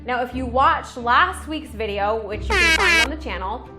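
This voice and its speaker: A woman teaching a children's Bible lesson with enthusiastic, expressive storytelling. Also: high voice, normal speed, over music.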